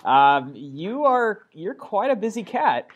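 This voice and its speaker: A man's voice: high-pitched, sing-song, slow pace, highs cut off, slight background noise. A man hosting an interview podcast, upbeat and enthusiastic, talking loosely with fillers. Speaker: podcast host.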